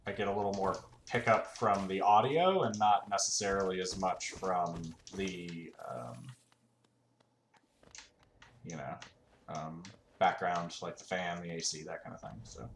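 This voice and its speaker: Male gaming host, lowish voice, easygoing and full of ums, recorded in an echoey room with faint fan noise. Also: measured pace, a bit bright. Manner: rambling, filler-heavy, laid-back. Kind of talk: casual let's-play commentary. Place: room at home. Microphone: desk mic. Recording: roomy home recording with faint fan hum.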